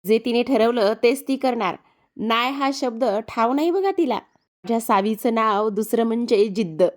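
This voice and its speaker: A proud, doting village mother speaks with fond warmth, as a woman voices her. Her voice sits fairly high and projects strongly. It comes across as a storybook retelling. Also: moderate pace, close to an everyday voice.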